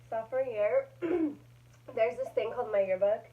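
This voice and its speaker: A woman's voice: fairly high pitch, expressive, slow. Giggly young woman vlogger, lo-fi. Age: young adult. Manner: chatty, giggly, rambling with fillers. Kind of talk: casual chat. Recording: dull lo-fi sound.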